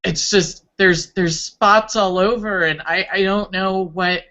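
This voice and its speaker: Embarrassed reluctant little schoolkid done by an adult, bright voice, hesitant, improv comedy, slightly lo-fi. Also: medium pitch, steady tone, slow pace. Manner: hesitant, sheepish. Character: embarrassed, reluctant second-grade child hiding under a mask.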